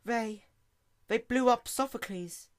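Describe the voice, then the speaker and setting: A man's voice: very high-pitched, slow, voice pushed up. A man voicing a distraught, hysterical female pony princess of the night with frantic, wailing delivery. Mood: pitiful.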